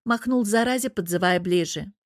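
A woman narrating an audiobook in a steady storytelling manner. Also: medium pitch, normal speed, no echo, clean studio sound.

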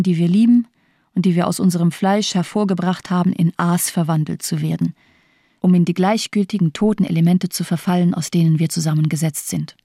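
An actress plays a cold, bitterly nihilistic female doctor in a German radio crime drama, declaiming in a bleak, disdainful and impassioned way. Her voice is on the low side and mellow, with clean studio sound and no room sound.

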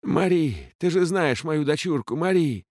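A man's voice: a little high, animated, a little slow, a little mellow, no echo, pitched above the performer's own voice. A cowardly old ship captain, as a male narrator puts him on, whining and sobbing his pleas in a raised, wavering voice with wide swings. The reading is close-miked and dry. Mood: pleading. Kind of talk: audiobook character voice.

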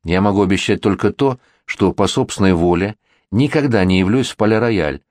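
A man's voice: fairly low pitch, brisk, darkish tone, no room sound, clean studio sound, lightly acted. A man voicing a virtuous young bride-to-be who pleads with a prince. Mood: pleading.

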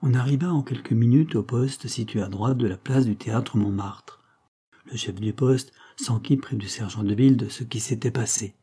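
Husky, dark-voiced male audiobook narrator. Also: medium pitch. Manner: measured, steady reading.

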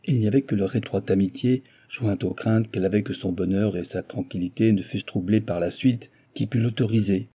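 Man, audiobook narration, very dark tone, husky, lowish voice. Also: brisk, few pauses. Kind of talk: scripted narration.

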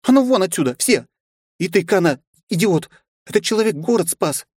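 A young noblewoman speaks high and firm, used to being obeyed yet warm underneath, as a man puts her on. The audiobook voice sits close and dry, with no room around it. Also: brisk, slightly rough, no room sound. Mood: commanding. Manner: high falsetto, firm and imperious. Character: young noblewoman, kind but commanding. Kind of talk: audiobook character voice.

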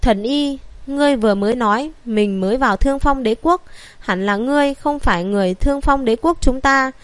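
A woman's voice: sits high, brisk, no room sound, natural voice. A woman reading an audiobook voices a male physician who speaks to the healer with great deference. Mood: respectful. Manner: very respectful, deferential.

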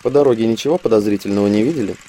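A man's voice: lowish voice, rapid-fire, warm tone, a little hiss or hum, close to an everyday voice. A man voicing a stiff, hostile male patrol captain in a storybook reading, speaking curtly and clipped.

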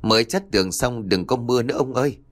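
A man's voice: mid-range voice, fast, lightly acted. A man voicing an older village builder who mutters and grumbles to himself. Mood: grumbling, alarmed. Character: grumbling old builder in a tent.

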